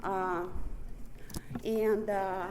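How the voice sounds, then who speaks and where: This is a recovery testimony from the meeting's main speaker, a woman with a Russian accent who was born in Ukraine and raised in Siberia. She talks candidly, swearing and often laughing, in a mid-range, darkish voice with a level tone, extremely slowly. There's a little hiss or hum.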